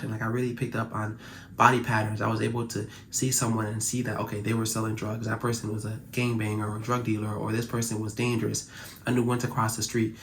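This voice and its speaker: Fast-talking young man, flat delivery. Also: mid-range voice, slight background noise. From Cameroon. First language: French. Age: young adult. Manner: earnest, casual with fillers like "man" and "like". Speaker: YouTuber. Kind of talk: reflective talk to camera.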